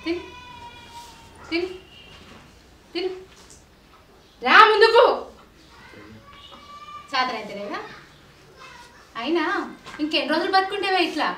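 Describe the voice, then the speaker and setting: A woman's voice: very high voice, expressive, slow pace, long pauses, a bit bright, slight background noise, heavily acted. A woman with a Telangana accent playing a cruel, two-faced young daughter-in-law who snaps harshly and turns sugary when watched. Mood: cruel, scornful. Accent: Telangana Telugu. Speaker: actress. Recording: echoey room, mic far off, music.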